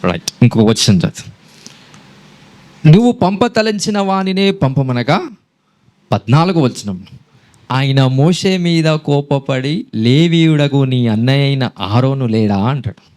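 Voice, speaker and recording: Animated preacher man, lively pitch. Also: a little slow. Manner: animated preaching, quizzing the congregation, switching between Telugu and English. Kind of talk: sermon.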